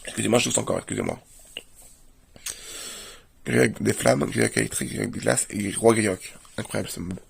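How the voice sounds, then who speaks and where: A man's voice: lowish voice, wildly swooping pitch, normal speed, vocal fry, long pauses, a little hiss or hum. A man, a video creator, doing a casual show-and-tell and plainly listing items one after another. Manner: plainly lists items while leafing through a book.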